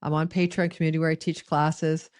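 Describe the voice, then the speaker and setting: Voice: mid-range voice, little pitch movement, fairly quick, smooth, no echo, clean studio sound. An astrologer giving a forecast monologue in a rambling, conversational way, with frequent restarts and asides.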